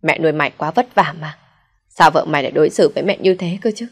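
A woman voicing a spiteful, sick elderly mother-in-law who scolds coarsely, in a low, husky voice. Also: fast talker. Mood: whining.

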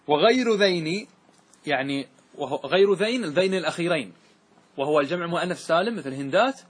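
A man teaching a grammar lesson to a class. He recites verse slowly, asks questions and answers them himself. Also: a little high, lively intonation, slightly rough. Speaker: sheikh teaching Arabic grammar.

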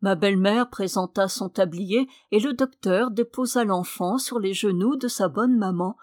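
Woman narrator, audiobook reading, measured, expressive, dry close sound. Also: mid-range voice, no echo. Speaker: audiobook reader.

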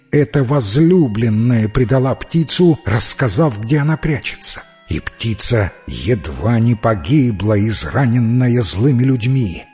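A man doing a low grave prince, reproachful, wounded, storybook. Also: darkish tone, husky, exaggerated voice.

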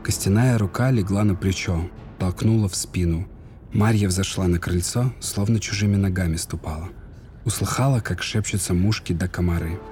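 Brief: male storybook narrator, measured and solemn, dark warm tone. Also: low voice, soft background music. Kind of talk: storybook reading.

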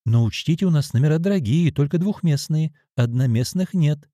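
A man's voice: a little high, expressive, brisk, dark tone, no echo, voice pushed up, close to an everyday voice. A stern young hotel receptionist, read by a man, prim and matter-of-fact. Her voice sits well above the reader's own and swings up and down as she lists things off. The sound is close and dry.

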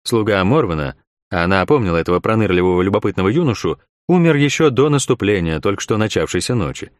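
Expressive male audiobook narrator. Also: fairly low pitch, quick pace, dry recording. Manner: expressive storytelling.

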